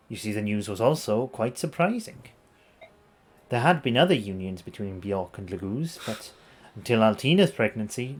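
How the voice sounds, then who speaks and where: A man streaming a game, reading its story dialogue aloud in a playful, dramatic way with casual asides. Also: on the low side.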